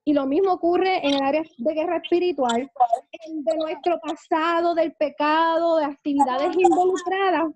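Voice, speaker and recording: A woman's voice: extremely high pitch, fairly even intonation, moderate pace, darkish tone, a little hiss or hum. A woman pastor teaching a church seminary class in a fervent preaching manner, often saying amen. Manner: fervent preaching, frequent amens.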